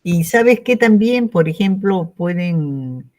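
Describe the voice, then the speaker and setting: A woman's voice: fairly low pitch, expressive, slow pace. Peruvian woman giving a reflective talk. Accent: Peruvian Spanish, from Callao. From Peru. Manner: reflective, warm, often ends phrases with a questioning tag. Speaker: invited lecturer. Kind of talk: online conference talk.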